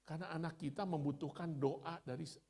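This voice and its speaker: Gravelly middle-aged man preaching casually. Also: fairly high pitch, fairly even intonation, brisk, darkish tone. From Indonesia. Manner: storytelling, chatty, laughs at himself. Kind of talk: conversational sermon.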